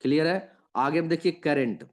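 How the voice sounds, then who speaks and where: A man's voice: a little high, moderate pace. A man, a trainer walking viewers through an app step by step in a screen-share lesson, checking in with them as he goes. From India. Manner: patient step-by-step explaining, often checking in with listeners.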